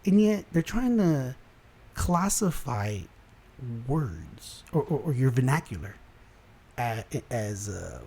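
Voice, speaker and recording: A young man from South Texas hosting a casual commentary show, ranting about online headlines in an animated, exasperated way and often restarting his sentences. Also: medium pitch, slow pace, slightly rough. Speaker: host.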